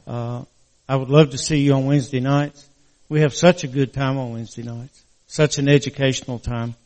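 A man's voice: medium pitch, fairly even intonation, a little mellow, big-room sound. Older male preacher with slightly slurred speech. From West Virginia, US. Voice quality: slightly slurred crooked-mouth articulation after mouth surgery. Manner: earnest, halting, folksy. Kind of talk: church sermon.

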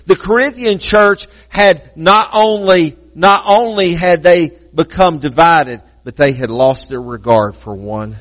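Pastor guy with a high voice preaching, hammers points by repeating them slow, teasing asides to the pews. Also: a bit bright, long reverb tail, rough recording. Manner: emphatic, repeats key phrases slowly; playful asides to congregation. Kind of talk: sermon.

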